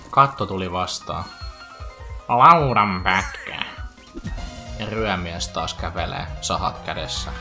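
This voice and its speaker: Man narrating his own gameplay, low-ish voice but bright and animated, faint game music underneath. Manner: chatty, joking running commentary with playful asides. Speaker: video game streamer. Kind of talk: let's play commentary.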